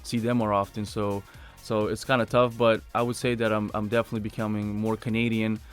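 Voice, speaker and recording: A man's voice: on the low side, level tone, brisk, clear, resonant tone, soft background music. A young man, a basketball player talking casually in a radio interview, stumbling and restarting often. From Lithuania. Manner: hesitant, many restarts and fillers.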